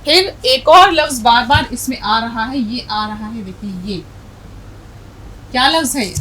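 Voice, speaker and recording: A woman's voice: a little high, expressive, unhurried, a bit bright, a little hiss or hum, poor audio. A middle-aged woman teaching a language class, reciting lines of poetry with swelling emphasis and then explaining them patiently while quizzing her students. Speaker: Urdu teacher. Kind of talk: classroom lesson reading and explaining a poem.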